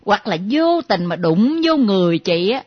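An actress playing a nosy younger female friend who teases and mocks in a lively way. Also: medium pitch, normal speed. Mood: teasing. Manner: teasing, lively, mimicking. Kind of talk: comedy sketch acting. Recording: dull lo-fi recording.

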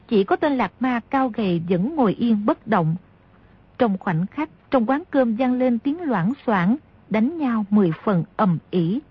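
Husky-voiced woman narrating a story. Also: on the high side. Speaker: audiobook narrator. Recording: dry, dull lo-fi audio.

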